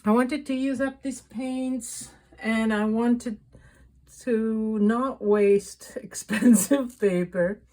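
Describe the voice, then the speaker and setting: A woman giving a casual, unscripted painting tutorial, thinking aloud in a halting way and often rephrasing mid-sentence. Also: fairly high pitch, steady tone, mellow. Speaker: painting instructor and vlogger.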